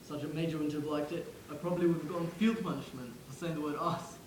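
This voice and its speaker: A man's voice: fairly high pitch, steady tone, quick pace, echoey room, a little hiss or hum, lightly acted, low-quality recording. A man playing the ghost of a young soldier from the First World War, who speaks wryly and directly to the listener. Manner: wry, conversational, addresses the listener directly. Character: ghost of a young English WWI soldier, wry. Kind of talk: theatrical monologue.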